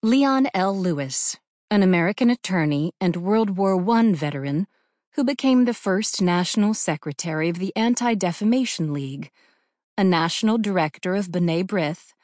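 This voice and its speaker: A woman's voice: medium pitch, darkish tone, no echo, studio quality. Woman narrating an audiobook. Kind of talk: scripted narration.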